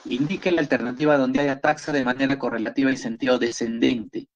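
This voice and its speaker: A man with a Peruvian Spanish accent leads an online biology review class over a computer microphone. His voice sits at an ordinary middle pitch, and the audio comes through muffled and lo-fi. He keeps up a steady stream of approving feedback to his students. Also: brisk. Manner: encouraging, repeats praise often. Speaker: biology teacher.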